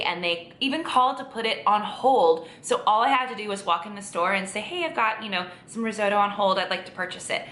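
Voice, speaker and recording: Chatty woman, bright echoey voice. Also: medium pitch. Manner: chatty, gushing, many fillers and restarts. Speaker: vlogger. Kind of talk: casual vlog chat.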